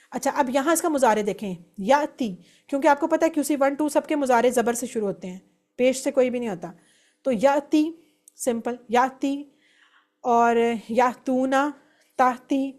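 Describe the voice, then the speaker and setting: Patient woman teaching grammar. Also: on the high side. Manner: patient, explains step by step, recites verb forms aloud. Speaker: Quranic Arabic teacher. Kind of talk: online grammar lesson.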